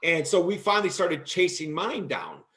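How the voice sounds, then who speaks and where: A man hosting a casual chat show, telling stories in an animated way and acting out quotes loudly. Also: fairly high pitch, normal speed. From Michigan, USA. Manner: animated, acts out quotes in a loud voice. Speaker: host.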